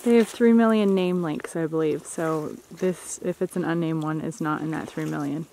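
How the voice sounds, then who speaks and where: A woman's voice: low-pitched, normal speed, mellow, slight background noise. A woman chatting casually on a woodland hike, explaining things as she thinks aloud. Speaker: vlogger. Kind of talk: casual outdoor vlog chat. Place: outdoors in the woods.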